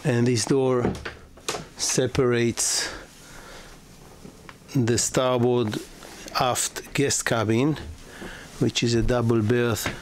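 Filming as he goes, a yacht broker gives a halting tour of a sailboat moored at a marina, covering the outdoor areas and below deck. He keeps a level tone in a mid-range voice, speaking slowly with many fillers, frequent pauses, and restarts, all over noisy outdoor camera audio.

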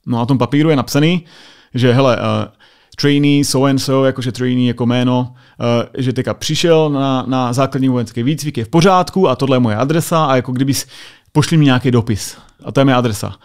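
A Czech man, a US Air Force sergeant, telling anecdotes in a casual interview, full of filler tags. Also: medium pitch. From Czech Republic.

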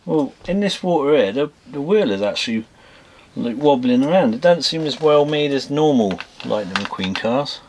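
A man's voice: medium pitch, expressive, moderate pace, a little mellow. A man hosting a toy unboxing at a table indoors, bossy and teasing as he chats. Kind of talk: casual unboxing chat. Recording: noisy home camera recording.

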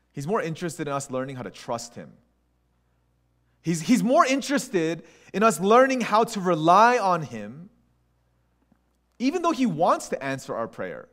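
Male preacher, conversational sermon delivery, high and expressive voice. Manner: animated, conversational preaching with restarts and acted asides. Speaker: pastor.

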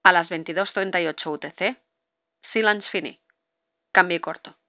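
A woman's voice: lowish voice, normal speed, dry recording. A woman instructor reciting formal marine radio calls in set procedure wording. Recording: dull lo-fi recording.

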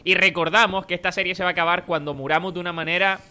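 A man with a Spain Spanish accent hosting a game, talking in quick, jumpy banter and yelling warnings. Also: high-pitched, steady tone, smooth. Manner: rapid, jumpy, yells warnings. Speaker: gaming channel host. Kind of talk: excited let's-play banter.

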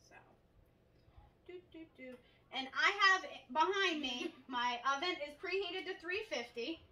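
A woman's voice: very high-pitched, lively intonation, a little slow, bright, forceful tone. A woman in her thirties hosting a casual home cooking show, chatty and upbeat as she walks through each step in her kitchen. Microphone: camera across the kitchen counter. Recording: echoey kitchen from a distance.

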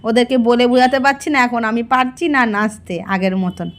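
A middle-aged woman, narrating a casual vlog in a relaxed, musing way. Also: on the high side, fairly quick. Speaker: vlogger.

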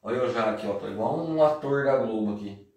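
A man teaches Japanese on a live stream, keeping it casual, slangy and full of jokes. His voice is lowish and fast, picked up by a distant mic in a very echoey room with a noisy background.

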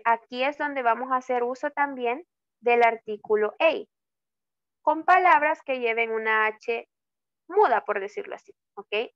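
Patient teacher type, woman, slow and clear, keeps checking in with students, muffled video-call sound. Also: a little high, a bit bright, dry recording. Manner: slow, drawn-out example words, frequent checking "¿ok?". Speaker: English tutor. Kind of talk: online class explaining grammar in Spanish.

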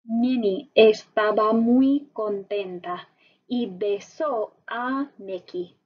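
A woman teacher narrating a story slowly and expressively for language learners. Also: mid-range voice, highs cut off. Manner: very slow, deliberate, expressive storytelling.

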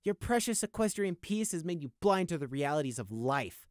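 A man voicing a bitter, bloodthirsty young male sheep in an audiobook, talking with shrill, spitting contempt. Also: level tone, slow pace, sharp tone, dry recording, clean studio sound, full character voice. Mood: cold scorn.

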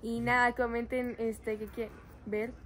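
A young woman hosting a casual vlog with friends, wrapping up with a quick, lively sign-off. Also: a little high. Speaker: vlog host. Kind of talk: casual group chat.

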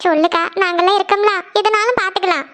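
Cartoon role: supportive younger sister, voiced by a performer, shrill and fast-talking, gently persistent. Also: steady tone. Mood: coaxing. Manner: coaxing, reassuring, rapid questions. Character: caring younger sister comforting her elder sister. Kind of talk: Tamil cartoon series dialogue.

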